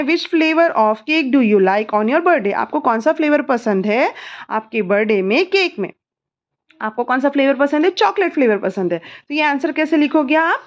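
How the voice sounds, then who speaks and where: Tutoring her child through homework, an Indian-accented mother spells each word letter by letter and goes over answers slowly. She has a high voice, and the audio sounds dull.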